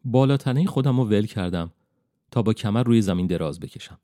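A man reading a fantasy audiobook as first-person narration in a calm, measured way. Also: lowish voice, dry recording, studio quality.

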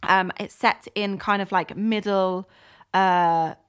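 A woman's voice: medium pitch, fairly even intonation, slow pace, fairly bright tone, clear, resonant tone. A woman co-hosting a book podcast, chatting casually with many fillers and restarts. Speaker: podcast co-host.

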